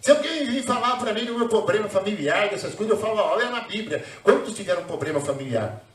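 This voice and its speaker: A man's voice: high voice, animated, a little fast. A man with a Brazilian Portuguese accent preaching a sermon in a church hall, emphatic, with frequent hallelujahs. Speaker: pastor. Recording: roomy echo, voice from far off.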